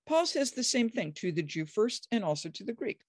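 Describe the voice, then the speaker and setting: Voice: very animated, brisk, dry recording. Emphatic scholar with dry close sound. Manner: acts out quoted speech with sudden high pitch jumps; emphatic, enthusiastic, frequent restarts. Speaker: biblical scholar, guest. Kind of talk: animated explanatory conversation.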